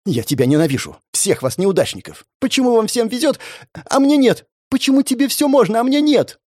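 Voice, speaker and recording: A man's voice: lively intonation, moderate pace, a little mellow, breathy edge, no room sound, studio quality. A man voicing a haughty, bitter young woman model who hisses her contempt. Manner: hissing, contemptuous, rising to shrill complaint.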